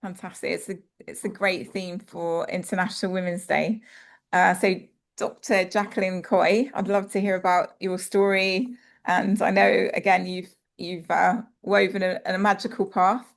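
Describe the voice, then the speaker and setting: A woman's voice: mid-range voice, fairly even intonation, moderate pace, vocal fry. A woman hosting a panel interview, effusive and admiring toward her guests. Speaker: host.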